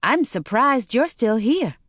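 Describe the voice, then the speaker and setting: A chatty young receptionist with a slight Chinese accent touched by a southern drawl, her bright voice lively and up high, as a woman narrator puts her on for an audiobook. The recording is dry and close to the mic. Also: slow pace, no room sound, exaggerated voice.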